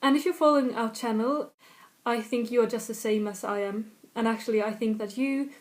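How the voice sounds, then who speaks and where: This Swedish tutor, originally from north of Stockholm, talks fairly quickly in a voice on the high side. Her accent is slightly northern, and she chats casually through a video lesson while repeating example phrases.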